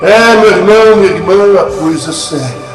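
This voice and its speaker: A preacher delivers an emphatic sermon with a very high voice and keeps asking rhetorical questions. His voice rings in an echoey room. Music plays under it. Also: lively intonation, normal speed.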